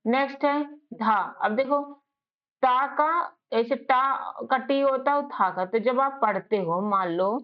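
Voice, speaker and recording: A woman's voice: sits high, slow. A woman teaching English spelling to beginners, drilling sounds letter by letter and often asking and answering her own questions. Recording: dull lo-fi audio.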